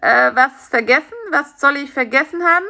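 A woman voicing a flustered, fussy male beetle delivery man in a children's audiobook, talking quickly and primly. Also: high-pitched, creaky, sharp tone, pitched above the performer's own voice, exaggerated voice.

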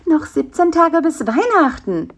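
A scheming little fly, as a woman reads him out, squeaks high and swoops wildly up and down. He is bossy and impatient, always pushing his next plan in this storybook tale. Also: big pitch swings, a little slow, full character voice. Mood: eager. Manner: bossy, eager, talks people into plans. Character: clever pushy male fly, scheming and impatient. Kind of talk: storybook character voice.

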